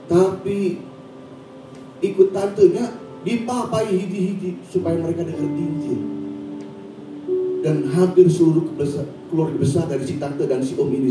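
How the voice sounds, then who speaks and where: Rousing Sundanese-accented preacher in echoey church. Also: male voice, fairly high pitch. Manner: rousing, calls for amens. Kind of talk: sermon. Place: church service. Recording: echoey church hall, distant mic, music.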